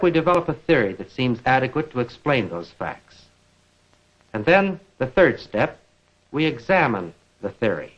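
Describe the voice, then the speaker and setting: A middle-aged American man lectures educationally on the soundtrack of a 1950s film, deliberate and measured, asking rhetorical questions along the way. His voice is mid-range with a fairly bright tone, and the audio is dull.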